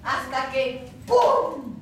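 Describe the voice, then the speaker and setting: A woman with a Mexican Spanish accent tells a story to children in an expressive, unhurried way, often pausing to ask them questions. Her high voice bounces around a very echoey room, picked up from far off over faint background noise. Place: community cultural center room. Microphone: distant microphone. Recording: echoey room, distant mic.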